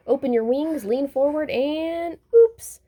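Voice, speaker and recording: A woman reading the part of a kindly, patient old grandfather owl in a storybook, gentle but firm. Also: high-pitched, takes it slowly, pitched above the performer's own voice.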